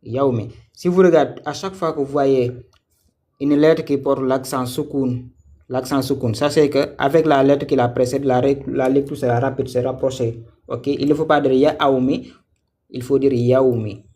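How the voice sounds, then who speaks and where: A man's voice: medium pitch, fairly even intonation, moderate pace, mellow. A man teaching a live online reading lesson, patiently repeating syllables and words, asking students questions and praising their answers.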